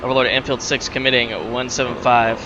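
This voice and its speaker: A man's voice: medium pitch, fairly quick, dull audio. A man giving casual gameplay commentary as a flight lead, muttering to himself and mixing in military brevity calls. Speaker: flight sim player and flight lead. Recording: noisy, steady vehicle-like drone behind.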